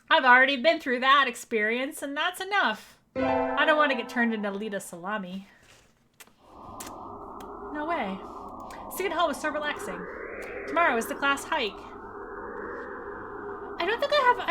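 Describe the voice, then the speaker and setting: Casting: chatty woman streamer with a high voice, game music clear behind her. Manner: chatty, rambling, talks to her viewers. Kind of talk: casual let's-play chat.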